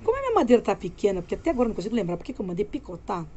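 Lying in bed with her phone camera held close, a Brazilian woman in her forties from Minas Gerais chats loosely with viewers in a home vlog, her accent distinctly mineiro. Her mid-range, mellow voice races along with huge pitch swings, and the highs are cut off.

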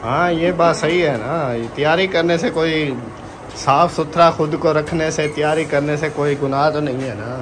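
A man's voice: fairly high pitch, moderate pace. A young man chatting casually on a family vlog, filming himself with a phone at arm's length in a small room of a village house. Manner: lively, talks sing-song baby talk to a toddler. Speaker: vlogger. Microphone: phone camera held at arm's length. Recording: noisy home phone recording.

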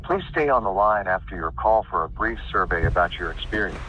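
A man's voice on a recorded phone menu message, giving automated customer-service prompts in an even, formal announcer delivery. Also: sits low, brisk, background noise. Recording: dull phone line with faint hold music.

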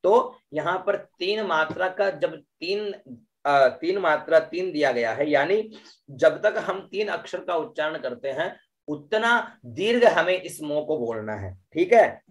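Fairly high-pitched and expressive, a male teacher explains Vedic mantra recitation syllable by syllable in an online class, then chants the verse in long, drawn-out tones. He keeps checking in with his students, adding "है ना" and "ठीक है" to his sentences.

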